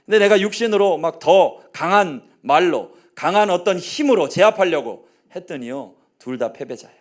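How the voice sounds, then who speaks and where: A man in his forties, a pastor preaching a sermon, telling family stories in a low voice and rising to loud rallying calls. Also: lively intonation, normal speed. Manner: swings between hushed storytelling and loud rallying calls; acts out his family's quoted lines.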